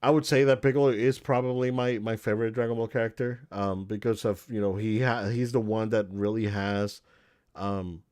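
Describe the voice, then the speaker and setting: A man's voice: fairly low pitch, fairly even intonation, moderate pace, a little mellow. A man co-hosting a podcast, chatting casually and enthusiastically about movies, with many restarts and fillers. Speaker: podcast co-host.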